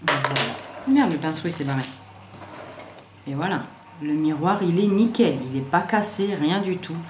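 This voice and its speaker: Woman, beauty vlogger, casual haul chat, somewhat low voice, slangy, swears a lot, stumbles on English words, faint background hiss. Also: moderate pace, reverberant. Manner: slangy and excitable, swears freely; stumbles over English product names. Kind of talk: casual haul review with swatches. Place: sunny room at home.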